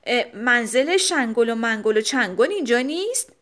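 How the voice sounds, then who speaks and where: A woman's voice: on the high side, expressive, a bit bright. A woman doing a sly, chuckling wolf. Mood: flustered. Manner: sneaky chuckling, then flustered. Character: sly hungry male wolf.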